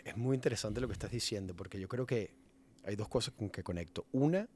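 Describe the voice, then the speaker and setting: A man's voice: fairly low pitch, a little fast, a little mellow, slight background noise. A man reflecting on being a father in a casual chat, mixing in English words now and then. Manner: reflective, slips English words into his speech. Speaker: father and musician in a podcast conversation.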